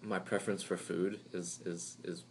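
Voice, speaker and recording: Deep-voiced young man, rambling chat. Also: normal speed, a little hiss or hum. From Taiwan. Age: 20s. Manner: relaxed, rambling with many fillers and restarts. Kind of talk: casual chat.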